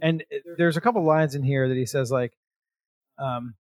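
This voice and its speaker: A man's voice: mid-range voice, moderate pace, dry recording. Chatty man co-hosting a music podcast. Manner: chatty, lots of fillers and restarts. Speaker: podcast co-host. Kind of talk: casual music chat.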